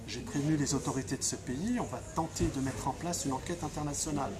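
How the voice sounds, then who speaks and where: A man's voice: on the high side, quick pace, a crowd in the background. A man from Franche-Comté answering interview questions with fiery emphasis, often restarting and repeating himself. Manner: impassioned, emphatic, with frequent restarts and repetitions. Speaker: activist being interviewed.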